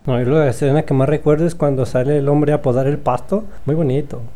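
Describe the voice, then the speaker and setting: A man from Mexico, chatting casually and making dry, deadpan jokes. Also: fairly high pitch, fairly quick, background noise. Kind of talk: casual chat among friends.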